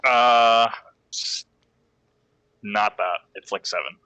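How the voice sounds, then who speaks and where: Slow, low-voiced man with a sharp edge. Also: smooth, lo-fi sound. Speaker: tabletop game player. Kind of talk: casual game chat.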